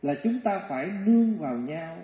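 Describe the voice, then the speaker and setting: A man's voice: on the high side, normal speed. A man giving a Buddhist dharma talk, telling stories and acting out the voices. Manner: storytelling, animated, acts out voices. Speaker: Buddhist teacher. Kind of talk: dharma talk with acted anecdotes. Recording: echoey hall, dull lo-fi.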